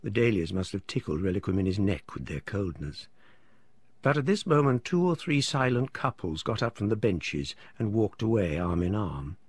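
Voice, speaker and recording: A man narrating a literary story in an expressive, varied reading. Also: fairly low pitch, normal speed, husky, no echo.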